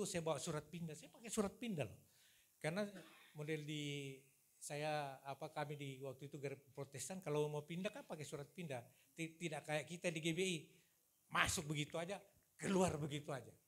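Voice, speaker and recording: A man in his sixties, a pastor, telling his own story in a lively sermon to his congregation. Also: fairly high pitch. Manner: storytelling, animated, addresses congregation as "saudara". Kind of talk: sermon with personal testimony. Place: church service.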